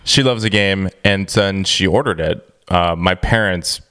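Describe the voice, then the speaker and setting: A man's voice: deep voice, unhurried, bright, forceful tone, smooth. A man in his twenties co-hosting a podcast in casual chat, upbeat and rambling, often restarting his sentences. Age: 20s. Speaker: podcast co-host.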